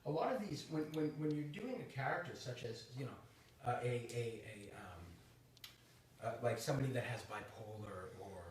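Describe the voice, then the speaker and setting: A man's voice: mid-range voice, expressive, moderate pace, slight background noise. A man in his thirties from Boston with a Boston accent, chatting casually and animatedly, with lots of laughs and restarts. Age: 30s. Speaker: host. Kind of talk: casual chat. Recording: echoey room from far off.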